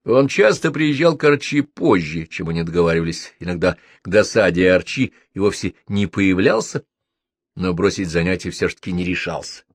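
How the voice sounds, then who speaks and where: A man narrating a first-person novel in a measured, wry manner. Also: low-pitched, expressive, no echo, clean studio sound. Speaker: audiobook reader.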